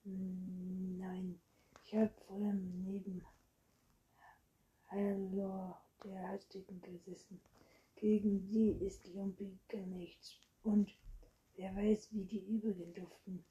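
Woman narrator playing a smitten vampire girl, soft whispery storybook voice, dull lo-fi sound. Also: medium pitch, level tone, slow pace, natural voice. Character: young female vampire girl, smitten and chatty.

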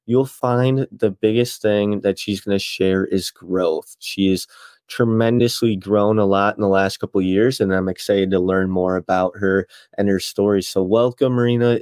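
A man's voice: fairly low pitch, darkish tone, dry recording. A man hosting a podcast, introducing his guest and asking questions in an upbeat, friendly way. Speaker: podcast host. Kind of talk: casual podcast interview.

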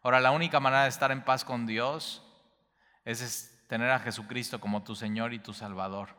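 A man's voice: mid-range voice, steady tone, a little fast, bright, forceful tone, in a large hall. A man preaching a Bible teaching sermon, speaking straight to the listener and repeating key phrases for emphasis.

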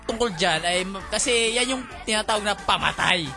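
A man's voice: high-pitched, brisk, vocal fry. A man hosting a radio show, joking and teasing callers in casual banter. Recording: radio show with music behind.

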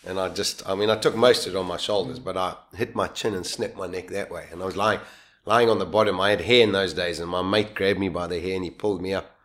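Being interviewed about surviving an ordeal, a man with a low-sitting voice talks fast, casual and full of energy. He keeps restarting sentences and laughing at himself.

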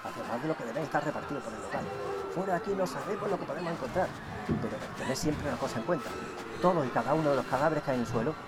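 A man's voice: fairly high pitch, expressive, racing, natural voice. An actor playing a determined man who gives survival orders to a group. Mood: commanding. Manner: commanding, giving orders.

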